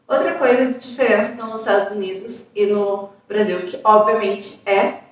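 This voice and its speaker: A woman's voice: medium pitch, steady tone, moderate pace. A young Brazilian woman with a southern Brazilian accent, chatting casually as a vlogger and tossing in frequent tag questions and fillers. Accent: southern Brazilian Portuguese. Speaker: vlogger on an exchange program. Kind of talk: casual chat. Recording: very echoey room, far from mic.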